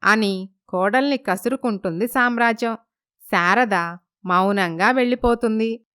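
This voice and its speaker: A woman narrating a scripted family story in an even, measured way. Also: on the high side, smooth, no room sound, studio quality.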